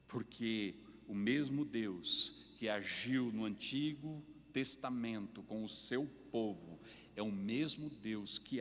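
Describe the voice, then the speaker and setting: A man with a Brazilian Portuguese accent preaching a sermon as pastor, deliberate and emphatic, his voice rising on key points. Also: lowish voice. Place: church sanctuary. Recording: long reverb of a church hall.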